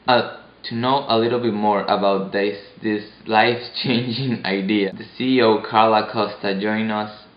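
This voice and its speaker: Man hosting an interview, fairly low voice, scripted questions, roomy dull recording. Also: fairly even intonation, moderate pace. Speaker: interviewer host. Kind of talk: staged mock interview. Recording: roomy, slightly dull sound.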